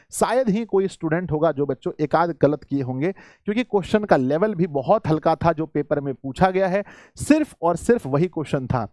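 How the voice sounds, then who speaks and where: Coaxing male teacher, fairly high voice. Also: a little mellow, no echo, clean studio sound. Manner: coaxing, repetitive, addresses students as children. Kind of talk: live online exam-prep class.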